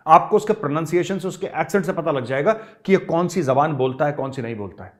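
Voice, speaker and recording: A man's voice: fairly high pitch, animated, fast. Emphatic man commenting on current affairs. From India. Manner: conversational, addresses viewers directly, repeats points for emphasis.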